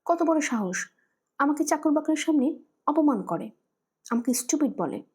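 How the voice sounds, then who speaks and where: A woman's voice: fairly high pitch, a little fast, husky. Woman doing a furious scolding mother. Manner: sharp, scolding. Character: furious middle-aged mother on the phone.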